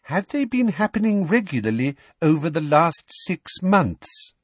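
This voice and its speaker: A man's voice: on the high side, sing-song, unhurried, breathy edge, no room sound, voice pushed up, exaggerated voice. A man voicing a cruel middle-aged woman official who talks in a falsely sweet, coaxing way. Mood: sugary coaxing.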